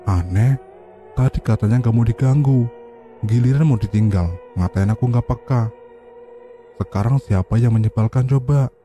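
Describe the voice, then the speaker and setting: A man's voice: mid-range voice, normal speed, long pauses, mellow, faint music behind, close to an everyday voice. A man voicing an easygoing man fishing at night, mild, apologetic and puzzled, in a horror story read aloud.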